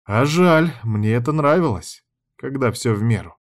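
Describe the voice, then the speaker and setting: A gruff, dominant young man who barks orders, as read by a male narrator. His voice is mid-pitched and commanding, in a plain audiobook reading. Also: animated, measured pace, natural voice.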